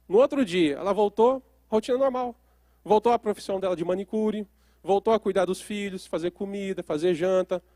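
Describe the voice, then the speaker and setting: High-voiced man lecturing an audience. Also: darkish tone, no echo, studio quality. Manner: questions the audience often, storytelling. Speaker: therapist giving a lecture.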